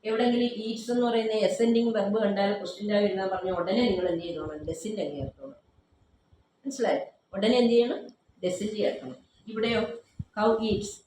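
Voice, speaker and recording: This female grammar teacher has a mid-range, dark voice and talks a little fast as she firmly questions her students and repeats their answers. The classroom drilling is captured in a very echoey space with faint noise behind it.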